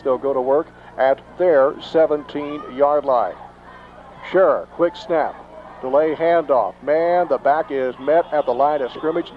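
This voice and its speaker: A man with a Texan accent calling high school football play-by-play, excitable and rising sharply on big plays. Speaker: play-by-play announcer. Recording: dull lo-fi 1990s broadcast tape, faint noise.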